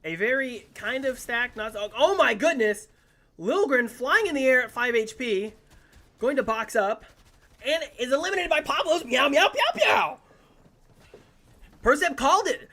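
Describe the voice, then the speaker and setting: An esports caster giving live play-by-play commentary on a mobile battle royale tournament, breaking into excited exclamations. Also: sits high, unhurried.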